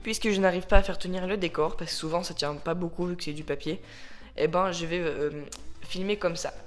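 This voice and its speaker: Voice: mid-range voice, steady tone, a little fast, faint music behind. Chatty, rambling toy reviewer on phone mic. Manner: rambling and chatty, often correcting itself; mixes English words into French. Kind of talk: casual unboxing-style review. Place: at home with a ring light. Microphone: phone camera.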